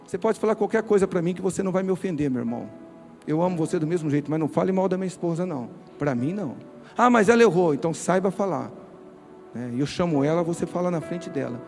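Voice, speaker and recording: Brazilian male pastor, mellow tone, forceful direct preaching to the congregation. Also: on the high side, animated, fast, soft background music. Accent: Brazilian Portuguese. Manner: emphatic, direct, addresses listeners. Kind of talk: sermon. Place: church.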